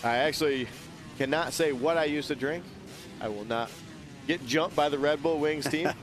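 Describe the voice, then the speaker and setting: A man's voice: fairly high pitch, normal speed, background noise. A man co-hosting live race commentary from an announcers booth, easygoing and teasing.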